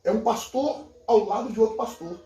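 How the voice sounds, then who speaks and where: A man talks through biblical Greek like a teacher, with rising emphasis when he hits a point he finds striking. His voice sits high and dark, and he is picked up from a distance in a roomy, echoing space. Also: moderate pace. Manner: explanatory, enthusiastic, emphatic. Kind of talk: casual theological conversation. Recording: echoey room, distant from mic.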